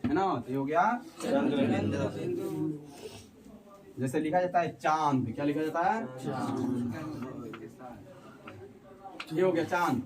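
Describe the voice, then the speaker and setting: A man teaching a classroom lesson, asking the class questions and repeating their answers with drawn-out syllables. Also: on the high side, crowd noise. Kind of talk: classroom Hindi grammar lesson. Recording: distant mic, noisy class around.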